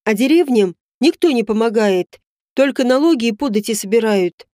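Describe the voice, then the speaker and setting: A woman's voice: a little high, expressive, normal speed, mellow, no room sound, studio quality, natural voice. A woman reading the lines of a bitter peasant man who resents the rulers.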